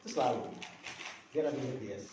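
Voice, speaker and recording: A man's voice: medium pitch, quick pace, background noise. Man telling classroom stories in an echoey room. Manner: animated storytelling, acts out quoted dialogue. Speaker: special-needs school teacher. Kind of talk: casual chat among colleagues. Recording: echoey, distant, dull room recording.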